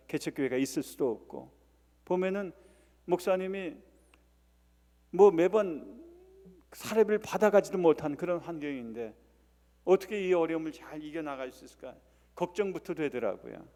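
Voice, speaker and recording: Pastor, male, earnest sermon delivery with drawn-out emphasis; higher-pitched, warm tone. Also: in a large hall. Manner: earnest preaching with rising emphasis and drawn-out words; frequent "eo" fillers and restarts. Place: church sanctuary.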